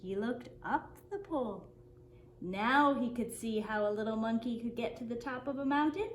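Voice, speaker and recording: Faint noise hangs behind a woman with a high voice as she reads a children's picture book aloud in a spacious, reverberant room. Her storytelling is expressive and unhurried, much like a kindergarten teacher's at story time.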